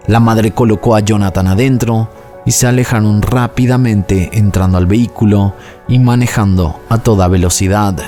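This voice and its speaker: Low-voiced man narrating a documentary. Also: a little mellow. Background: faint background music.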